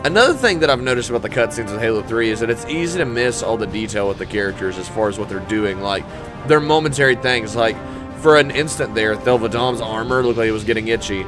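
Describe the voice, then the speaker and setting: A man's voice: medium pitch, lively intonation, fast. A man giving casual, geeky, enthusiastic commentary while playing through a video game. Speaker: gamer commentator. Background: loud game music and vehicle sounds.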